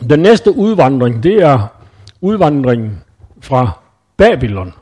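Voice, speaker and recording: A man with a warm, medium-pitched, very animated voice preaches in a conversational Bible-teaching style. He thinks aloud, with frequent hesitations and self-corrections.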